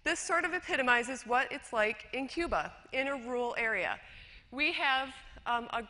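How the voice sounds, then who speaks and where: A woman educator from rural western New York, USA, gives a chatty, self-deprecating conference talk with slides in a lecture hall, full of fillers and restarts. Her voice is high-pitched, bright, forceful and expressive at a moderate pace, with a long hall reverb on the recording.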